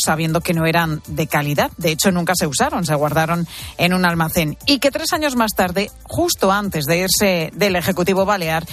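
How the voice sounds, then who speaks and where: A woman with an accent from Spain presenting scripted radio news. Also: on the low side. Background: music bed.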